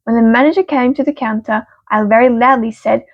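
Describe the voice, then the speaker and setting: A woman with a raised, gravelly fry reads stories aloud, expressive with quick punchy asides. Her voice is dry and close, with a slightly dull, muffled sound. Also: a little high, no room sound. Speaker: story reader. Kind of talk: narrated story reading.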